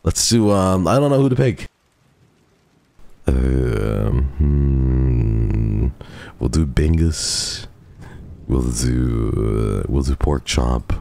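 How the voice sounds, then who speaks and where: Man, extremely deep voice, lively swings in pitch, casual game stream commentary, gushing, cusses freely. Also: drawn-out words, gravelly, long pauses, dry recording. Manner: excitable, gushing, swears a lot.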